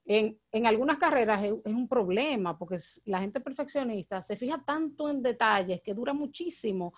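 Fast-talking woman podcast host. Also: fairly high pitch, no room sound, studio quality. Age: adult, married. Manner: very fast, excitable talker. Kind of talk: casual podcast chat.

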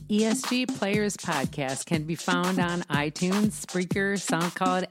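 Female podcast host, very deep register, music in the mix. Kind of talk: interview hosting and announcing.

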